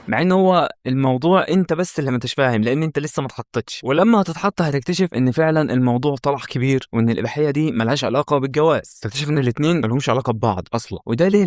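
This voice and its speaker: A man's voice: mid-range voice, no echo, studio quality. A young man with an Egyptian Arabic accent giving blunt advice, lecturing and firing off rhetorical questions. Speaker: online advice speaker. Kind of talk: direct-to-camera advice talk.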